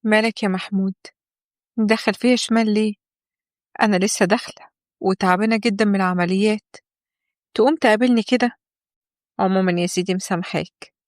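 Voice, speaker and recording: A weary young wife and doctor, as a woman narrator plays her in an Egyptian audio story, talking fast and pleading. The voice sits at a middle pitch, and the recording is dry and close. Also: steady tone, dry recording, lightly acted. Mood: puzzled. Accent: Egyptian Arabic.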